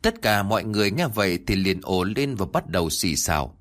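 A man narrating a first-person ghost story in an animated, dramatic way. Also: fairly low pitch, fairly quick.

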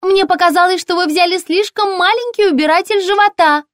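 A woman's voice: extremely high pitch, a little fast, no echo, clean studio sound, voice pushed up. A woman reading an audiobook, voicing a chirpy, pushy young female shop assistant with a ringing voice. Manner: bright, ringing, relentlessly chatty.

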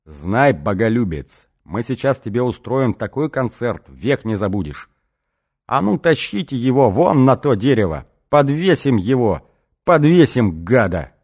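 A man voicing a brutal, drunken male gang boss in an audiobook, shouting and snarling threats. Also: medium pitch, very animated, a little slow, breathy edge, exaggerated voice. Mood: menacing. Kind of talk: audiobook character voice.

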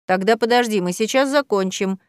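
A woman's voice: medium pitch, fairly quick, smooth, no echo, clean studio sound, close to an everyday voice. Woman voicing a pompous professor tomcat. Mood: stern. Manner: self-important, huffy. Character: pompous male cat professor, fussy and touchy. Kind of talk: audiobook character voice.

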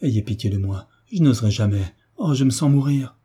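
A man's voice: medium pitch, moderate pace, warm tone, breathy edge. A man voicing a timid, frightened young woman in an audiobook reading, speaking faintly and pleadingly. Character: young woman, anxious, proud yet timid.

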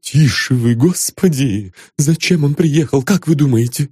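A man voicing an anxious, genteel middle-aged woman who speaks in a hushed, urgent way. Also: medium pitch, unhurried, slightly rough, no room sound, clean studio sound.

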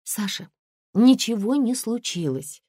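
A woman's voice: on the high side, lively intonation, slow pace, dark tone, husky, dry recording, clean studio sound, pitched above the performer's own voice, heavily acted. A woman voicing an impulsive young wife who protests earnestly. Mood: indignant.

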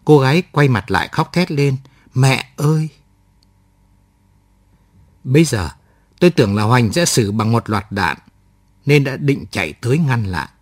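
Male audiobook narrator, calm and reflective, mid pitch, dry close recording. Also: moderate pace, no room sound. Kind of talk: scripted first-person story narration.

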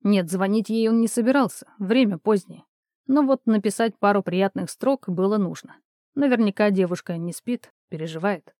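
Mellow-voiced woman reading a novel. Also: mid-range voice, no echo, clean studio sound. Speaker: audiobook narrator. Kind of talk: scripted audiobook narration.

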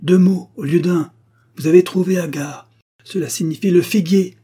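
A man's voice: medium pitch, animated, normal speed, warm tone, breathy edge, voice pushed up. Man doing an impatient young heir. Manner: impatient, eager.

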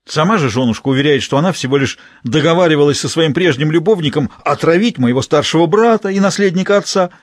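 A man voicing a hot-tempered, jealous young prince in an audiobook, shouting and wailing. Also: a little high, expressive, fast talker, few pauses, dry recording, studio quality, voice pushed up.

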